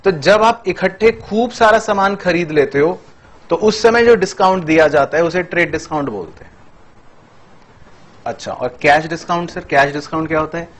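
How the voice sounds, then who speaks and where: A man in his thirties with a fairly high voice teaches an accounts lesson. He explains each term through small stories and briefly acts out the lines of buyers and sellers in a playful, storytelling way. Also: normal speed. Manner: playful storytelling, acts out little dialogues for students. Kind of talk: classroom lecture with story examples.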